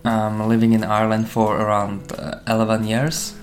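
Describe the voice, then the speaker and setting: A man's voice: lowish voice, completely flat delivery, normal speed, soft background music. A man from Slovakia who speaks English as a second language, a personal trainer telling his story in an interview in a thoughtful way with many fillers. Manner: non-native phrasing, thoughtful with many fillers.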